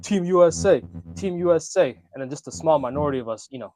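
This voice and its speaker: A man's voice: fairly high pitch, fast, a little mellow, no room sound. A man leading a casual podcast conversation, animatedly telling a story and asking the panel questions. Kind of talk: casual chat.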